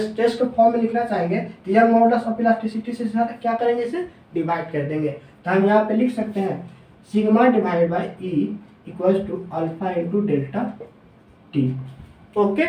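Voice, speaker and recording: A man teaching engineering in a classroom lecture. He asks questions and answers them himself, drops lower on the answers, and slows down when dictating formulas. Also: a little mellow, far from the mic. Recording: echoey room, voice off-mic.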